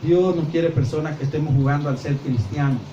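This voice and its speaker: A man's voice: fairly high pitch, fairly quick, highs cut off. Older guy preaching in a church, acts out the bits, roomy echo, faint hiss behind. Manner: animated preaching, acts out voices and gestures. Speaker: pastor. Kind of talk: sermon. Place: church hall. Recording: echoey church sound from far off with faint noise.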